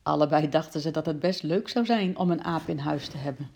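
A woman reads a children's story aloud at a steady storytelling pace. Her voice is low and gravelly, with a dark, husky tone. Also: brisk. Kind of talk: reading a children's book aloud.

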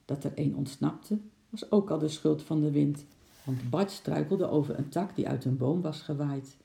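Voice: medium pitch, normal speed, gravelly, dark tone. Een voorlezer als een vermoeide, goedige oom. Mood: weary. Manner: tired, sighing. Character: kindly adult zookeeper uncle, weary. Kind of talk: children's storybook reading. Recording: roomy echo.

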